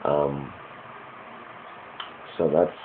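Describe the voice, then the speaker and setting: Hazy, low-voiced American man recalling dreams. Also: flat delivery, extremely slow. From United States, Michigan. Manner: hazy, puzzled, groping to remember. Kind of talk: casual rambling dream recounting. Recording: muffled lo-fi with clear background noise.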